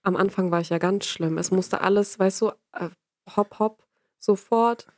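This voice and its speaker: A woman's voice: on the low side, level tone, a little fast, dry recording, clean studio sound. A German woman chatting casually, emphatic and insistent as she makes her point at length. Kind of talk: casual chat.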